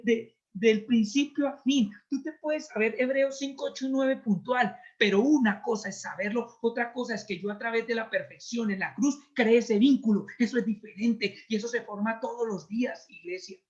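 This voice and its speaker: Earnest preacher man, muffled recording. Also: sits high. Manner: earnest, confessional, shifts between soft and emphatic. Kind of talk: sermon.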